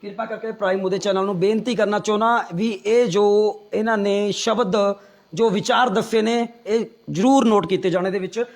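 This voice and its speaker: Male interviewer, high voice, calm but pressing. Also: normal speed. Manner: pressing, calm, polite questioning. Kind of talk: political interview.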